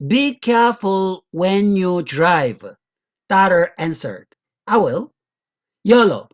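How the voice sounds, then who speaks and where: A woman's voice: lowish voice, takes it slowly. A woman giving a guest lecture, walking through slides in non-native English with loose grammar and frequent check-in questions to the audience.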